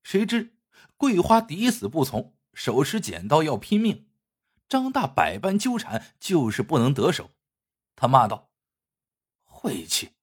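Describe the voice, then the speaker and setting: Husky-voiced male folk storyteller. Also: on the high side, wildly swooping pitch, a little slow.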